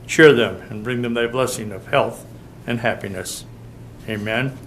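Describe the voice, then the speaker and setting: A man serving as city chaplain, leading a prayer in a measured, solemn way at a council meeting. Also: mid-range voice, fairly bright tone, a little hiss or hum. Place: council chamber.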